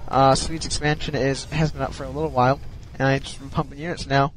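A man's voice: mid-range voice, level tone, quick pace, rough recording. A man giving casual commentary on a strategy game replay, sounding sleepy and hesitant, with many ums and restarts. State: sleepy, yawning.

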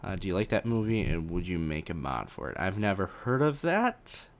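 Speaking at a moderate pace in a low, sing-song voice, a young man casually takes viewer questions about his game mod on a live stream. He reads chat aloud and drifts a little in his answers, with faint game music in the background.

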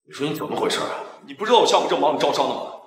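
A man's voice: a little high, animated, racing, roomy sound, lightly acted. An actor playing a cold, scheming young husband who brushes off his wife and then coaxes her for favors, in a short web drama. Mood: scolding. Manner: dismissive to his wife, coaxing when asking favors. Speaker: callous husband.

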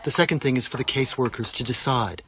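A man giving scripted documentary narration in a measured, explanatory way. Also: medium pitch, sharp tone. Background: music.

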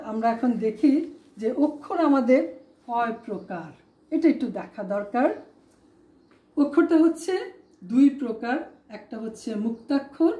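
A woman teacher leads a classroom lesson, posing rhetorical questions to her students and sounding out words syllable by syllable. Her voice is on the high side and warm, and the room is echoey.

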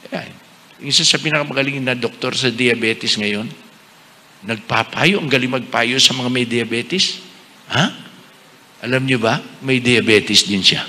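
An older man, a bishop, giving a lively sermon to a congregation, asking them questions and acting out other voices. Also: medium pitch, a little hiss or hum. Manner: animated, asks the crowd questions, acts out voices. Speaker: bishop preaching. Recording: long hall reverb.

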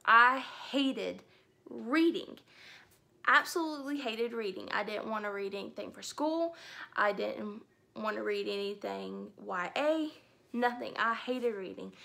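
In a bookshelf-lined room at home, this book vlogger, a woman in her twenties from Alabama, chats to camera about herself. She speaks a little high with vocal fry and a bright, forceful tone, sounding upbeat and enthusiastic.

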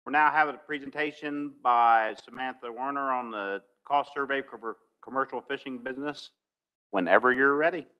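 Man with a smooth voice chairing a meeting. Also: medium pitch, normal speed, highs cut off. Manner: courteous, procedural. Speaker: council chair. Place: council meeting room.

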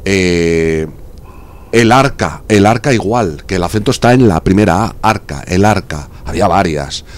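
A man's voice: low voice, lively intonation, normal speed. A man with a Spanish accent from Spain, chatting casually while live-streaming a video game, arguing his point and reading out viewer messages. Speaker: gaming streamer.

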